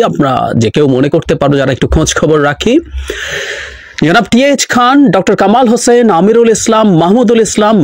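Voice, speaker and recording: Emphatic male political commentator, swooping high pitch. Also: no room sound, clean studio sound. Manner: emphatic, accusatory delivery. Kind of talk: political commentary talk to viewers.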